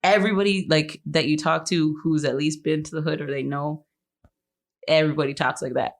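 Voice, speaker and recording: A woman from Canada, a life coach, chatting casually as a podcast guest in a relaxed, slangy way with frequent laughter. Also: sits low, brisk.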